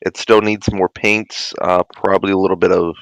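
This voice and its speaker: A man running a tabletop game as game master, explaining rules in relaxed, halting phrases. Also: low-pitched, creaky, no room sound, rough recording.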